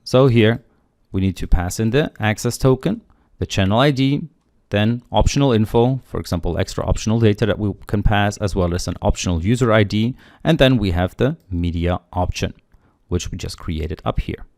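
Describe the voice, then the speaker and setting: A coding tutorial instructor talks through a screen-recorded programming walkthrough, thinking aloud in a steady, matter-of-fact way as he types. His fairly low voice comes at a moderate pace and is miked close and dry, with no echo or room sound.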